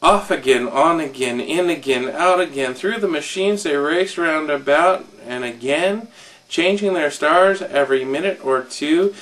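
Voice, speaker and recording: A man slowly reading a rhyming children's story aloud in a rhythmic way, a little off-mic. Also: a little high, a bit bright, far from the mic. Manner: slow, rhythmic rhyme reading.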